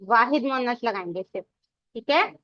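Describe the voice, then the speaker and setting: A woman with a high voice teaches a grammar class, explaining each rule patiently and asking her students questions as she goes. Her voice comes through dry, with no room echo, and a little muffled. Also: expressive, moderate pace, pushed and bright. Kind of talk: online Arabic grammar lesson.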